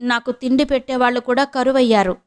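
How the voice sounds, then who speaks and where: A woman reading a frail old man who pleads softly. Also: high-pitched, steady tone, a little fast, clear, resonant tone, lightly acted. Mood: pleading. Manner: soft and pleading.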